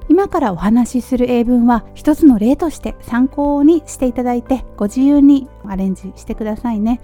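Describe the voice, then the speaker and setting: A Japanese woman giving a casual spoken English lesson, repeating model phrases slowly, with Australian-flavored English. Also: a little high, mellow, soft background music. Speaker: English teacher for nurses.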